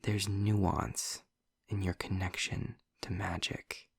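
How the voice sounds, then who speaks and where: Speaking straight to the listener in a scripted audio roleplay, a man plays a sardonic, snarky demon stuck in hell, measured and intent. His husky, gravelly low voice turns breathy at the edges, with slow, sarcastic, drawn-out phrasing in full character. The studio recording is clean, with no room sound.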